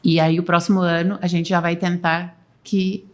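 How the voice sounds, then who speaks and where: Low-voiced woman in her fifties. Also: little pitch movement, normal speed. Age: 50s. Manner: rambling, restarts often. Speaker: team president, podcast guest. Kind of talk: casual podcast chat.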